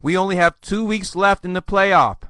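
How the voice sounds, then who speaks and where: A man with a high-pitched voice hosts a podcast, speaking at a moderate pace with a sharp tone and no room sound. He delivers a sarcastic solo rant full of theatrical mock outbursts.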